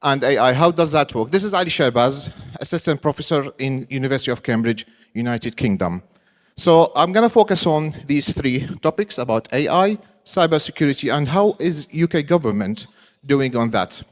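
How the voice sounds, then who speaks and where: A man giving a live conference talk in halting, informal short phrases. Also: medium pitch, lively intonation. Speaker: conference speaker, assistant professor. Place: large conference hall with audience. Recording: reverberant large hall sound system.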